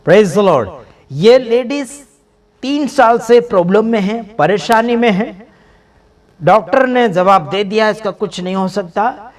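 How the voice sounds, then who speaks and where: A man's voice: sits high, expressive, measured pace. A man giving emphatic, preaching-style commentary over video clips, repeating phrases for stress. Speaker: video commentator for a healing ministry.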